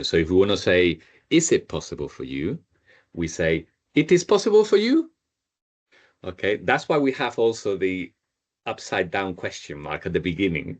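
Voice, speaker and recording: Guy with a really low voice teaching spanish online, repeats everything back, patient. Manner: patient, repeats learners' answers. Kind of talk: online group language lesson.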